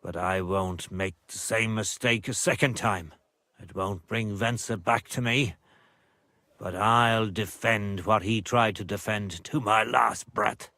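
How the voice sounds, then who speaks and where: An actor playing a proud older nobleman and father in a medieval video game, speaking gravely and formally. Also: lowish voice, steady tone, slow pace, sharp tone, dry recording, full character voice. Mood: resolute. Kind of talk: video game dialogue acting.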